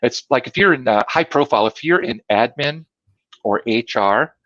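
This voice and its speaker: A man's voice: medium pitch, lively intonation, normal speed, fairly bright tone, no echo, highs cut off. A man, a guest trainer in a casual interview, talking from his home office in an enthusiastic, rambling way with many restarts. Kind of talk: casual video-call interview.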